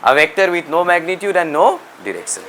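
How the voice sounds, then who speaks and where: A man's voice: a little high, big pitch swings, extremely slow, background noise. A male physics teacher with a Bengali accent lecturing a class, mixing Bengali and English and quizzing students.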